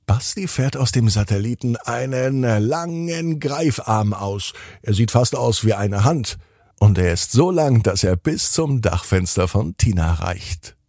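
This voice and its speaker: A man's voice: mid-range voice, expressive, measured pace, darkish tone, no echo, clean studio sound. A man narrating a children's bedtime story in a soothing, lilting way.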